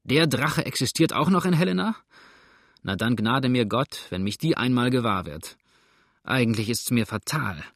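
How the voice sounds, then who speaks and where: A man reading an audiobook voices a vain, mocking younger rider, speaking a little higher than his own voice. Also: animated, normal speed, fairly bright tone, no echo, clean studio sound. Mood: dismayed. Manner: mocking, laughing tone.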